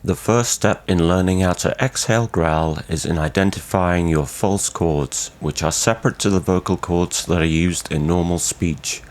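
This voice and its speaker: Casting: male instructor, deep register, formal and measured scripted tutorial delivery.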